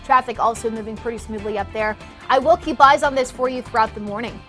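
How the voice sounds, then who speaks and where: Female weather and traffic presenter, higher register, conversational broadcast delivery, music bed. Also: fast.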